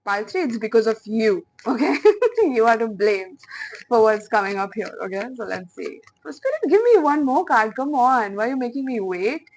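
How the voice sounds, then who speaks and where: A woman's voice: a little high, sing-song, normal speed, low-quality recording. A woman doing a pick-a-card tarot reading, talking in a chatty, playful way with many fillers and speaking to her viewers as piles. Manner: chatty, playful, with frequent fillers and soft laughs. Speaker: tarot reader.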